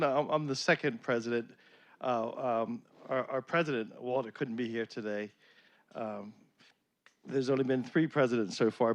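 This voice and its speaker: A man speaking as president of a community group, halting and repeating words as he addresses a school board meeting. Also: mid-range voice. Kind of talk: public address.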